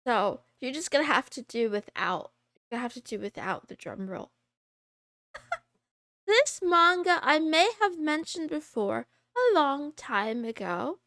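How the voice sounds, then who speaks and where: High woman's voice through a voice changer. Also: very animated, unhurried, fairly bright tone, no echo, studio quality. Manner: rambling, self-interrupting, laughs often. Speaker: streamer. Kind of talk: casual chat.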